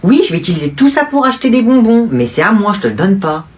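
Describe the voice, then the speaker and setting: A man voicing a whiny, scared six-year-old boy in a comedy sketch, shrill and pleading. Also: sing-song, fast. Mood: stubborn.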